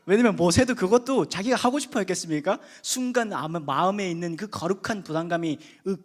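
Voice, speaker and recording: A man delivering a sermon to a young congregation, with a voice that sits high for a man. He talks casually and swings from loud emphasis to quiet, hushed asides. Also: fairly quick. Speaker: preacher at a youth worship service.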